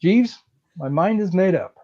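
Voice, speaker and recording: A man's voice: high voice, animated, a little slow. A man reading a comic story aloud in a breezy, chatty first-person manner. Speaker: story reader. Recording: slightly dull lo-fi recording.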